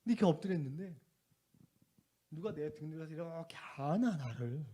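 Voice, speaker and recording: A middle-aged man with a fairly high voice, pastoring a revival meeting. He tells his own story confessionally, swinging between loud outbursts and quiet, tearful moments. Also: animated, fairly quick, slightly rough. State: tearful at times. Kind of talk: revival sermon testimony.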